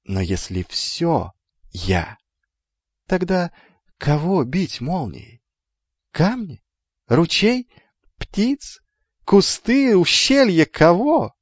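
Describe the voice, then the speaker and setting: A man voicing a calm, sly trickster god in disguise who speaks in a hushed, unhurried, teasing way. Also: on the high side, no room sound, lo-fi sound, pitched above the performer's own voice, exaggerated voice. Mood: musing.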